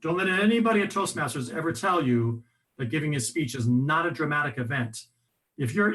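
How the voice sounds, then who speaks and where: A man with a voice pitched a little high leads a workshop on how the voice works. He talks in a loose, conversational way, full of restarts and little asides, and explains things with energy. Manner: conversational, animated, with frequent restarts and fillers. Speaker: voice coach presenting a workshop. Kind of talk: instructive workshop talk.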